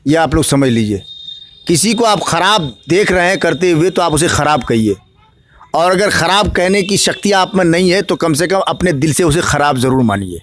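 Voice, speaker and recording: Bihari man, candidate, high voice, preacherly answers building to declamation, dry close sound. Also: expressive, normal speed, a bit bright, dry recording. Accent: Bihari Hindi-Urdu. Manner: preacherly, rising to emphatic declamation. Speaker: election candidate. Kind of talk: political interview answers.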